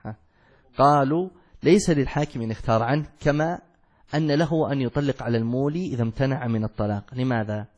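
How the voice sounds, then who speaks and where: A man's voice: medium pitch, fast talker, darkish tone. A man teaching a classical Arabic law text, explaining it step by step and asking and answering his own questions. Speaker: sheikh teaching a fiqh text. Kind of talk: classical Arabic study lesson.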